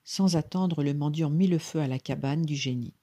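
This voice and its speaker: Husky storybook narrator. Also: medium pitch, moderate pace, warm tone. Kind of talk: storybook reading aloud.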